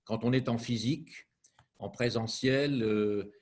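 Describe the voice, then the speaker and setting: A man taking part in a remote meeting discussion. He speaks hesitantly, with many pauses and restarts. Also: mid-range voice. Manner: hesitant, halting, full of pauses. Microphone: video call.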